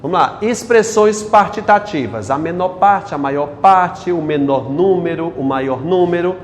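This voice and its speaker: A man's voice: fairly high pitch, a little slow, in a large hall, a little hiss or hum. A male teacher lectures a class on grammar, quizzing the students with questions as he goes.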